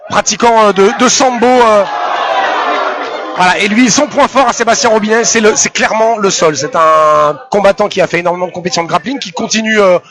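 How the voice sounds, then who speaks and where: A man's voice: high voice, fairly quick, over music. A man giving casual, chatty live fight commentary, often hesitating as he searches for words. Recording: loud crowd behind commentary.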